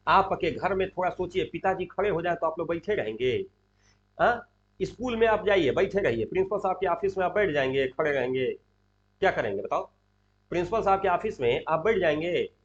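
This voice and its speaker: A man's voice: a little high, lo-fi sound. A male teacher explaining a play to students, often asking them questions. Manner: asks students questions, animated. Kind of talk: classroom lesson explaining a play.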